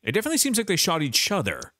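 A man's voice: a little high, wildly swooping pitch, rapid-fire, pushed and bright, no echo, studio quality. A man streaming a detective game live, thinking aloud about clues with frequent restarts.

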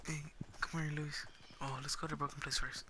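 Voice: medium pitch, flat delivery, a little fast, bright, forceful tone. A player talking casually with a teammate during a video game. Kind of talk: casual gaming chat. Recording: clearly noisy game voice chat.

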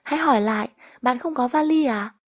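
A woman's voice: high voice, brisk. A woman teaching a listen-and-repeat language lesson, patiently saying each phrase twice.

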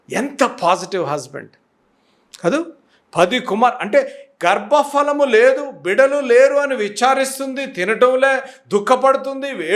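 A pastor preaching a sermon with emphatic delivery, asking rhetorical questions and mixing in English phrases. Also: male voice, high-pitched, a bit bright.

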